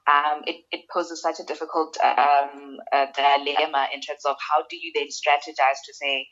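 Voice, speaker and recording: A woman's voice: low-pitched, little pitch movement, normal speed, fairly bright tone. A woman answering interview questions conversationally as a podcast guest. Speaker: guest, social media manager. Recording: dull lo-fi remote call audio.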